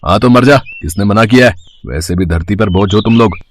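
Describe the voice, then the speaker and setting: A man's voice: mid-range voice, lively intonation, moderate pace, fairly bright tone, slight background noise, close to an everyday voice. A man voicing a cruel, contemptuous rich moneylender in a cartoon story. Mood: sneering. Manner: sneering and contemptuous.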